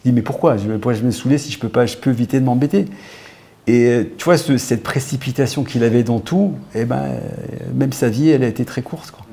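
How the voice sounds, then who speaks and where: Gravelly-voiced reflective father. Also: mid-range voice, fast, mellow. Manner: thoughtful, searching for words. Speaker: father of a fallen soldier. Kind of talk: reflective personal recollection.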